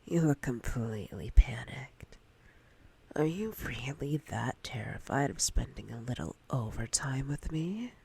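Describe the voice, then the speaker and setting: Voicing a domineering, predatory female boss in intimate roleplay ASMR, a woman speaks in a rumbling low, expressive, mellow voice that is exaggerated. She's breathy and often whispers, slow and commanding with teasing menace, sounding stern and intimidating.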